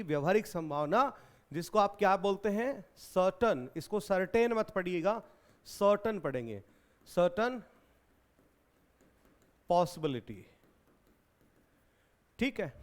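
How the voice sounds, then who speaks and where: Speaking in a high voice, an Indian man leads an exam-prep English grammar lesson in Hindi. He explains points and echoes his students' questions back to them.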